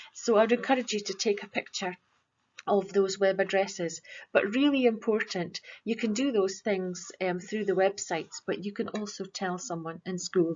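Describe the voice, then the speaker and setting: A woman teacher speaks to a school assembly in an earnest, measured way, pausing on ums. Her voice sits in a middle pitch. The recording is slightly dull and lo-fi. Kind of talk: presenting a virtual school assembly.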